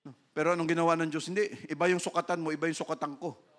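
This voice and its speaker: A male pastor from the Philippines giving an animated sermon, switching between Tagalog and English, acting out voices and checking in with "No?". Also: on the high side, racing.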